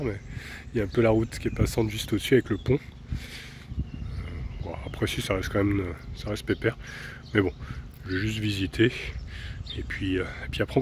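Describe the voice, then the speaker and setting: A man from France filming a casual travel vlog outdoors on a handheld camera, chatty and relaxed, with soft laughs and hesitant fillers. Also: lowish voice, background noise. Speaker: travel vlogger. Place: outdoors, walking around a van and an old town.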